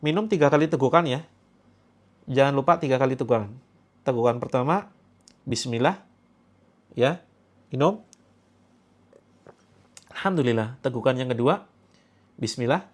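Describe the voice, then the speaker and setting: A man leads a ruqyah healing session. He gives quick instructions and stern commands. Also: mid-range voice. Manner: chants the call to prayer slowly, then gives quick instructions and stern commands. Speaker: spiritual healer leading a ruqyah session. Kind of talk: guided prayer and healing instruction.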